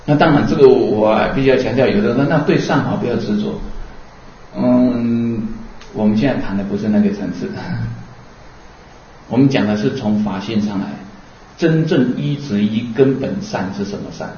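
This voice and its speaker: A man's voice: medium pitch, normal speed, mellow, slight background noise. A man giving a Buddhist Dharma lecture, explaining earnestly and asking rhetorical questions along the way. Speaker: Buddhist teacher. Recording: distant, dull, roomy lecture recording.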